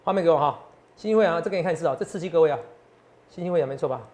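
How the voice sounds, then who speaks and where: A man's voice: on the high side, very fast, darkish tone. A man, working as a stock market analyst and giving boastful finance talk show commentary full of rhetorical questions.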